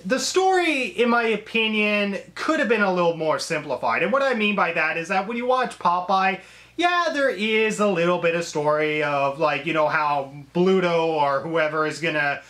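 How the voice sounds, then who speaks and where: High-voiced man rambling through a movie review. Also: expressive, moderate pace, bright, forceful tone. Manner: rambling, heavy with "um" and restarts. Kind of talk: casual spoken review.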